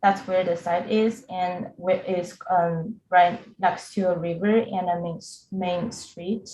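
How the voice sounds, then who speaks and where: A woman's voice: lowish voice, fairly even intonation, takes it slowly, darkish tone. A young woman, a student, presenting her design project over a video call, hesitant and full of filler sounds and word restarts. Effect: heard over a video call. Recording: echoey remote call audio with faint noise.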